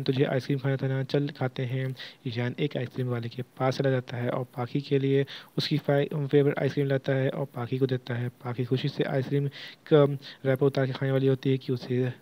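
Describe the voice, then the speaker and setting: A man's voice: mid-range voice, dark tone. A man narrating a serialized story in a plain reading style, often correcting himself mid-sentence. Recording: dull lo-fi audio.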